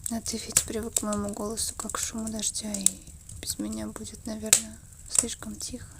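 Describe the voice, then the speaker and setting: A woman's voice: a little high, monotone, background noise. Intimate ASMR role-play, tender woman. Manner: intimate, tender, slow murmur drifting between soft voice and soft voice. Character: affectionate, wistful girlfriend murmuring by the fireside.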